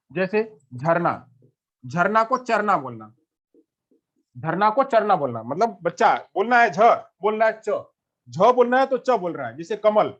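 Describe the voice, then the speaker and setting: A man's voice: high voice, a bit bright. A male teacher giving an exam-prep lecture, repeating himself and asking questions he then answers. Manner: repetitive, asks and answers his own questions. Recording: dull lo-fi recording.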